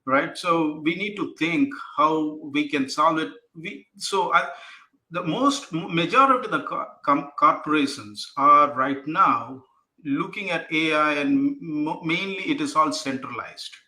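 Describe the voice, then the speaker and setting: A man with a bright, slightly high voice makes his case as a panelist in an online discussion. He talks earnestly and keeps checking in with "right?" and "you know". His call audio carries a roomy echo. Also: lively intonation, unhurried. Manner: earnest, repeats "right?" and "you know" while making a point. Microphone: video call.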